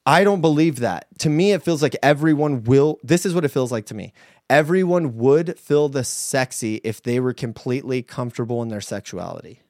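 A young man co-hosting a casual podcast chat, animated and laughing often, swearing casually. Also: mid-range voice, a little fast, dry recording, studio quality. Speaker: podcast co-host.

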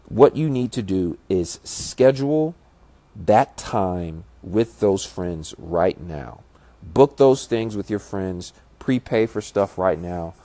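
A man's voice: deep voice, mellow, no room sound. A man hosting a casual solo podcast, nasal from a stuffy nose, giving encouraging, instructive advice straight to the listener. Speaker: podcast host.

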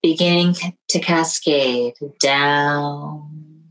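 A woman leading a guided meditation in a slow, soothing, hushed way, often dropping to a near whisper. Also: low voice, fairly even intonation, low-quality recording.

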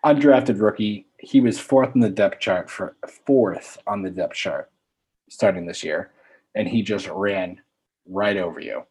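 A man with a low, slightly husky voice chats about sports as a podcast co-host. He speaks in an easygoing way and often hesitates with "um.". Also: a little slow, a little mellow. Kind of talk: casual sports chat.

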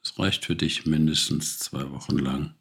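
A man's voice: extremely low pitch, steady tone, normal speed, vocal fry, slightly rough, heavily acted. A man voicing Adebar, a wise old stork. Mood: kindly. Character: wise old male stork with glasses, kindly.

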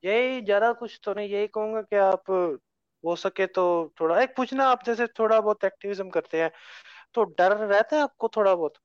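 A man's voice: sits high, normal speed, clear, resonant tone, no room sound. A male caller speaking hesitantly, his audio breaking up and cutting out over a call. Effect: choppy, breaking-up call audio. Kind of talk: casual call-in chat. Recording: lo-fi dull call line.

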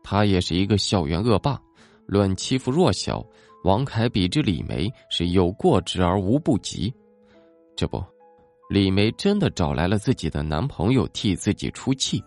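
A man narrating a ghost story in a dramatic, expressive way. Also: deep voice, moderate pace. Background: soft background music.

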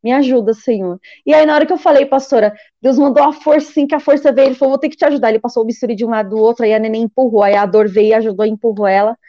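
A woman telling an emotional personal testimony, animated, acting out the voices of others and praying aloud. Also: a little high, very fast, hardly any pauses, no echo, lo-fi sound. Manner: animated, acts out quoted voices and prays aloud. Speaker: guest giving a testimony.

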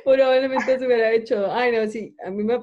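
A woman's voice: on the high side, a little fast, muffled recording. A woman telling childhood stories in casual chat, laughing often. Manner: laughing, lively storyteller.

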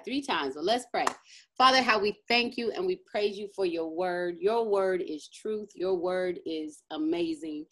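A woman pastor leading an online teaching and prayer, emphatic and fervent, often checking in with her listeners. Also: fairly low pitch. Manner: emphatic, keeps asking "right?", fervent in prayer. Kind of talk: informal teaching then spoken prayer.

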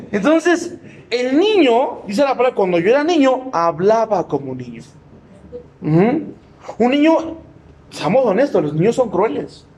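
A man preaching in a church, his voice sitting very high. He is emphatic and humorous, quizzing the congregation with yes-or-no questions and mimicking people in asides. A faint noise runs under the recording. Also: darkish tone. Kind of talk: sermon.

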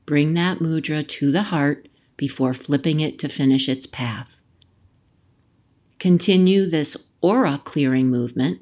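Low-voiced, slow woman guiding yoga. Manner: gentle, measured, soothing guidance with pauses. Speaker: yoga instructor. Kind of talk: guided yoga and breathwork instruction.

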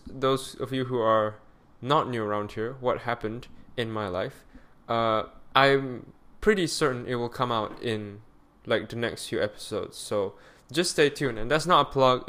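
A man talks alone into a close podcast mic at home, his voice tired and weary. He rambles, doubles back and fills pauses with "um" and "like" as he muses to his listeners. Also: mid-range voice, a bit bright. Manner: rambling, self-correcting, with frequent fillers. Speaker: podcast host. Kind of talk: solo podcast monologue.

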